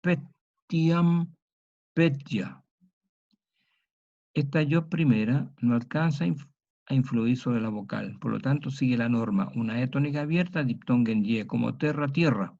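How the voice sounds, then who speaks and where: A man teaching a historical grammar lecture, slow and methodical, spelling out sounds and examples one by one. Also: mid-range voice, vocal fry, dark tone. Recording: dull lo-fi recording.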